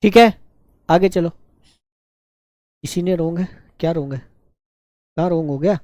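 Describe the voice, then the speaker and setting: A man teaching a shorthand class, teasing his students and dictating words slowly. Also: fairly high pitch, mellow, no echo, clean studio sound. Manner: slow, drawn-out dictation. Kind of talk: live online class dictation.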